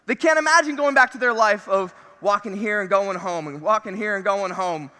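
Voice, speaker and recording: A man giving an energetic motivational talk on a convention stage, with punchy lines that repeat key phrases. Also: high-pitched, moderate pace. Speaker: convention speaker. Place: large convention hall. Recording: reverberant convention hall.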